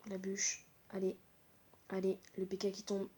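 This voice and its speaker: Her voice is mid-range and darkish, the delivery completely flat and unhurried, though she's a female gaming host narrating a match live with excited exclamations. Congested from a cold, she keeps repeating short interjections.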